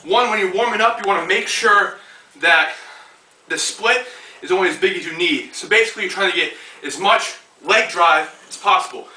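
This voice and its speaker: A twenty-year-old man talks through a strongman lifting demonstration in a loose, casual way, with plenty of fillers between lifts. His voice sits a bit high and sounds bright and forceful. It reaches the camera from some distance, with a roomy gym echo around it. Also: normal speed. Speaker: strongman athlete and coach. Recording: echoey room, voice far from mic.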